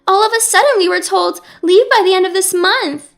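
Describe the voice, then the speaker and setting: A woman's voice: very high voice, fairly quick, creaky, fairly bright tone, soft background music, voice pushed up, full character voice. A woman voicing a frantic, panicked younger sister in a storybook reading. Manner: frantic, pleading.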